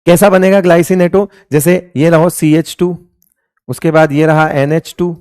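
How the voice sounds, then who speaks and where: A male chemistry teacher lecturing a class, firing the same question again and again before answering it himself. His voice sits a little high for a man, and he calls his students beta and raja. The sound is dry and close, with little room echo. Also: fairly even intonation, moderate pace, a little mellow, smooth.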